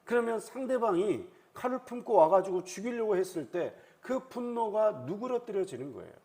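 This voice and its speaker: A male pastor preaching at an early morning prayer meeting in a high, lively voice that rises and falls widely. He keeps acting out what people in the story say. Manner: animated, acts out quoted speech.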